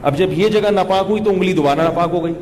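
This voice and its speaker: Man, cleric, joking storytelling Q&A, higher-pitched, long hall reverb, faint background hiss. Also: a little mellow. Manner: humorous, anecdotal, colloquial. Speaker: Islamic cleric answering questions. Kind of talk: religious question-and-answer talk.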